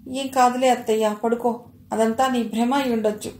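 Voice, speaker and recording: A woman's voice: a little high, fairly even intonation, moderate pace, a little mellow, lightly acted. A woman reading aloud and voicing a troubled, confused young wife who pleads and questions, in a roomy space. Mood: pleading. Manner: pleading, bewildered. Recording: roomy echo.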